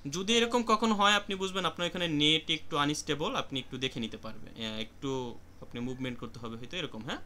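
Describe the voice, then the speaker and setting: A man's voice: a little high, a little fast, pushed and bright, slight background noise. A man with a Bangladeshi accent teaching Japanese vocabulary in an online class, explaining each word and calling on students.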